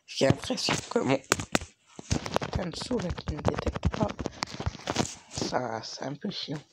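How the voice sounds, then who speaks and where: A young man doing casual gameplay commentary, his voice hoarse and cracking from being sick, muttering to himself. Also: on the high side, big pitch swings, unhurried, very noisy. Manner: frustrated swearing, muttering to himself. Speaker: gaming video host.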